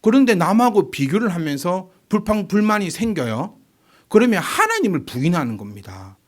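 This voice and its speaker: Animated preaching man in his forties. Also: high voice, moderate pace. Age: 40s. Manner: animated, fires rhetorical questions at the congregation. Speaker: pastor. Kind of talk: sermon.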